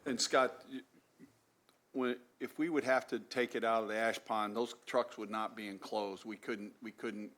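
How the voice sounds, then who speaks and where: A man's voice: lowish voice, fairly even intonation, moderate pace, a bit bright. A man, a city alderman, asking a brief follow-up question at a council meeting.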